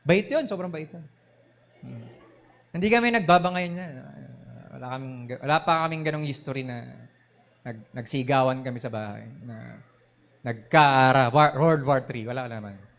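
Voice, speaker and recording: A middle-aged man preaching a sermon, animated, swinging between loud and soft, laughing now and then. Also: mid-range voice, moderate pace. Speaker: pastor.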